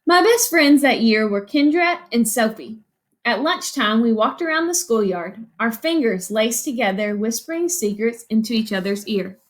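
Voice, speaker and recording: With lively intonation and a voice on the high side, a woman teacher reads a picture book to children at normal speed. She teaches as she reads, posing questions and then giving the answers.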